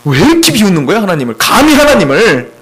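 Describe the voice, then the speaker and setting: Male pastor, church sermon, high voice, swinging pitch, chatty rhetorical questions. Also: fast talker, poor audio. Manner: animated, conversational preaching with rhetorical questions. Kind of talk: expository sermon. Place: church sanctuary.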